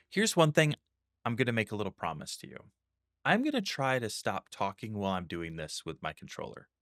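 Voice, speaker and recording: A man's voice: deep voice, fairly bright tone, no room sound, studio quality. A man giving casual gameplay commentary, chatty and self-mocking, with jokey asides to his viewers. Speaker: gaming YouTuber.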